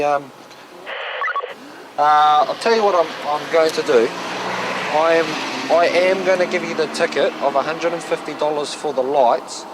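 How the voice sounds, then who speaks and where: A man with a broad New Zealand accent, a police officer speaking firmly and colloquially to members of the public. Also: a little high. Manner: firm, plain-spoken, colloquial. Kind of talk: spoken on duty, questioning and explaining to members of the public. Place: outdoors, on the street. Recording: noisy outdoor street, vehicle sounds.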